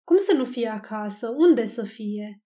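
A fretful townswoman in her sixties frets and complains in an emphatic way. Her voice sits slightly high. A woman narrating an audiobook puts her on with only a light touch. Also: expressive, warm tone, lightly acted. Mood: indignant. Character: fretful older townswoman, gossipy wife.

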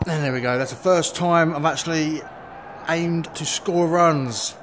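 A man giving relaxed, chatty running commentary on his own play in a VR cricket game, with quick exclamations. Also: a little high. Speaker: gaming video creator. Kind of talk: live commentary while playing a VR cricket game. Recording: steady background noise.

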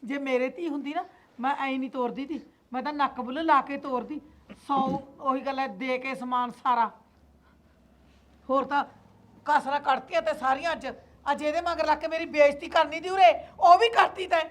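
A woman's voice: high-pitched, steady tone, normal speed, close to an everyday voice. An actress playing a scolding, sarcastic mother-in-law with a Punjabi accent in a family drama skit. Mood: resentful. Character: sharp-tongued middle-aged mother-in-law. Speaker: mother-in-law demanding dowry.

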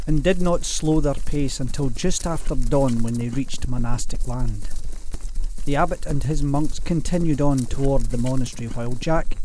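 Steady male audiobook narrator, mellow. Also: mid-range voice, a little hiss or hum. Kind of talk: scripted narration.

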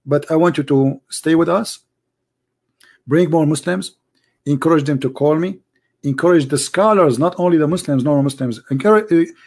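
A man's voice: on the high side, moderate pace, a little mellow. A man hosting a live call-in religious debate, preaching with passion in broken grammar while losing his voice. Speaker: call-in show host.

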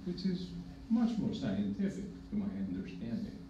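A Greek man serving as a hepatologist panelist gives conference panel remarks in a measured, emphatic way with dry humor, his mid-range voice swinging hugely in pitch. He speaks into a podium mic in a conference room with a projector, but it's filmed from far back. The sound is echoey, distant, dull and noisy.

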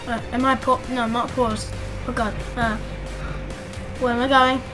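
A woman giving casual, excitable gameplay commentary as a YouTuber at home, chatting and squealing when things get thrilling. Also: on the high side, moderate pace. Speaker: gaming YouTuber. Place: home room with the door shut. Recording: clear game music underneath. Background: game music.

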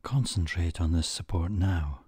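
A man with a deep, mellow voice leads a guided meditation, unhurried and calming, delivering short measured phrases separated by pauses. Soft and breathy, he frequently trails off to near a whisper, and there's no echo.

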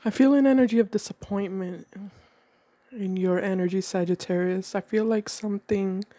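Seated at an indoor table, a tarot reader with a cold lays out cards in a calm, measured monologue, slowing as she names each one. Her medium-pitched voice is mellow and dark. The recording is dry and close, with no echo and little sense of the room.

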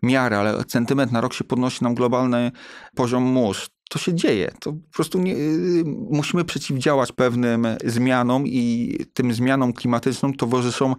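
A man's voice: mid-range voice, steady tone, moderate pace, no room sound, studio quality. A man, a guest scientist, speaking earnestly and addressing listeners directly in a conversational interview.

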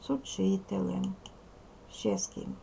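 A woman with a strongly gravelly, fry-heavy voice teaches a recorded lesson to young children. She speaks with a Ukrainian accent and explains each step slowly and deliberately. A faint hiss of noise sits under her voice. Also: medium pitch, wildly swooping pitch, warm tone. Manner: slow, careful, deliberate explanation to young pupils. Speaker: primary school teacher.

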